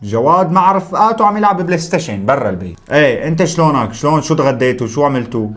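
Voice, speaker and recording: A quick, chatty man runs his prank vlog. His voice sits a little high for a man, and he talks in bossy, teasing older-brother banter. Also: lively intonation, crowd noise. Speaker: vlog host setting up a prank. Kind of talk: casual prank vlog chat.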